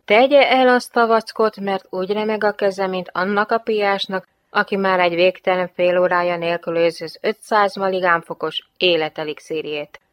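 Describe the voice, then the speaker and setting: A woman voicing a gruff, sarcastic male police lieutenant who grumbles. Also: mid-range voice, fairly even intonation, no echo, lightly acted.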